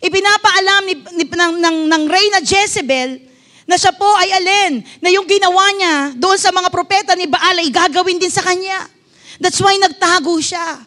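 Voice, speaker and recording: A woman's voice: very high-pitched, moderate pace, pushed and bright. A middle-aged woman pastor with a Filipino accent, preaching a fervent sermon that mixes English into her talk and asks the congregation questions.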